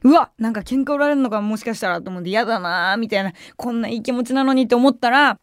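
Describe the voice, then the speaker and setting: A woman's voice: a little high, fast, clear, resonant tone, no room sound, clean studio sound. A young woman hosting a radio show, telling a story in a casual, chatty way and acting out the voices of people she quotes. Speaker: radio personality. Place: radio studio.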